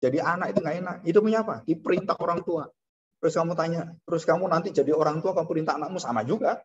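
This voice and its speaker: Rapid-fire delivery marks this animated sermon by a male pastor, whose voice soars when he acts out frightened people and falls for solemn points. It's recorded with a dull, lo-fi sound.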